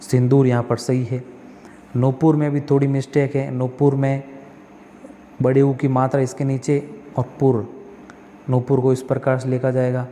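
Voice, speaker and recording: A man's voice: medium pitch, little pitch movement, normal speed, long pauses, mellow, big-room sound, slight background noise. A male tutor walks through exam practice questions, reading each one, correcting the spellings step by step and asking himself questions that he answers.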